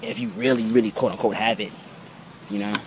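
Low-quality audio with slight background noise captures a fairly low, flat, quick-paced male voice that sounds sick and a little off. The speaker is a vlogger in his twenties ranting casually outdoors under trees by a brick building, his handheld camera held low at arm's length. He leans on "you know" and "bro" and swears freely.

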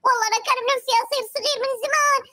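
A squeaky, chattering little thief boy, prattling to himself in a very high voice at a quick clip as he plans his next grab. A faint hiss sits under the game-animation audio. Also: steady tone. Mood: gleeful. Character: mischievous tiny boy Mario, greedy thief.

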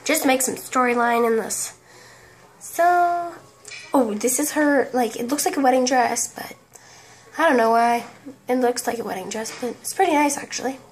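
A woman casually commenting on a life-sim game, rambling and halting, often tripping over words. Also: high voice. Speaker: game video creator.

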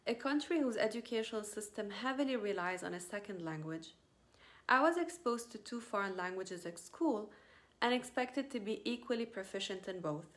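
A woman's voice: mid-range voice, animated, normal speed. A woman, her Arabic, presenting her doctoral research in a careful, formal recited way, recorded on a phone camera at arm's length in a small indoor room. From Lebanon. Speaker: PhD student.

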